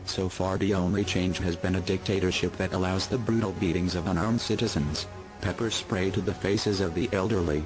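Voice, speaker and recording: Male, disguised deep voice effect, very low and steady, solemn scripted read with clear music underneath. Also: poor audio. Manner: steady, formal, solemn delivery. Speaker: anonymous activist messenger.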